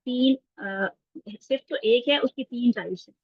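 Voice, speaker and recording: A woman's voice: fairly high pitch, slightly rough, no echo. A woman teaching Quran recitation in an online class, explaining patiently step by step and checking in with her students. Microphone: video call. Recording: dull lo-fi online call audio.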